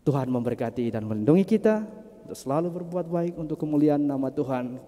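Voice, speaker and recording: Priest preaching in a cathedral. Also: male voice, a little high, animated, mellow. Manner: measured, with rising dramatic emphasis. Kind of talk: Sunday homily. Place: large cathedral. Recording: long cathedral reverb.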